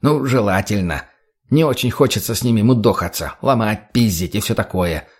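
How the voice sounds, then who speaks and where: A man's voice: fairly low pitch, moderate pace, darkish tone, husky. A man voicing a crude, short-tempered drug addict thug who barks profanity bluntly. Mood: aggressive.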